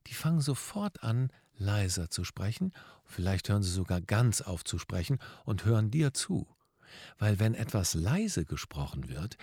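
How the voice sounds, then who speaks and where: A man hosting a coaching podcast, talking straight to the listener with emphatic stress and shifts between loud and soft. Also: fairly low pitch, dry recording, clean studio sound. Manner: addresses listener directly, emphatic, shifts loudness to demonstrate. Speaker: podcast host and professional speaker.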